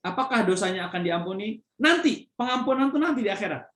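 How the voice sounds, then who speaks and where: A man's voice: high-pitched, expressive, fast talker, fairly bright tone. A man giving a religious study lecture as a preacher, explaining with everyday examples and frequent fillers. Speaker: Islamic preacher. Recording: echoey room.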